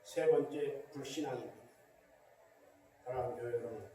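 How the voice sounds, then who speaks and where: A middle-aged Korean pastor preaching a sermon with emphatic rhetorical questions, recorded in a large church hall. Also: male voice, medium pitch, moderate pace, warm tone, slight background noise. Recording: very echoey church hall, distant mic.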